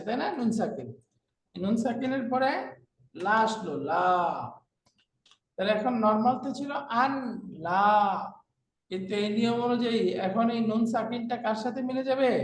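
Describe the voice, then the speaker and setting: A male Arabic teacher with a Bangladeshi Bengali accent giving a classroom lecture, slowly repeating terms and asking rhetorical questions. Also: extremely high pitch. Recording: echoey room, far from the mic, faint noise.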